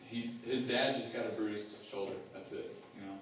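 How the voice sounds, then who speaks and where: A young man shares his personal testimony in a low, flat voice, stopping and restarting often with lots of fillers. He is heard from some distance in a very echoey hall, with a faint hum of ambience behind him. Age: young adult. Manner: halting, many fillers and restarts. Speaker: student giving a testimony.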